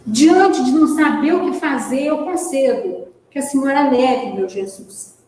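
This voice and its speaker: A woman's voice: sits high, measured pace, a little mellow. A woman voicing a poor widowed father who speaks with sorrow and protest. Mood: resigned. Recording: echoey hall from far off.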